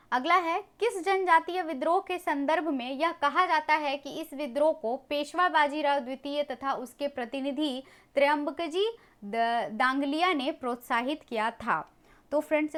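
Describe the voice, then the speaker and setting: High-voiced woman teaching history. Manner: addresses viewers as friends, brisk and methodical. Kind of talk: exam MCQ walkthrough lesson.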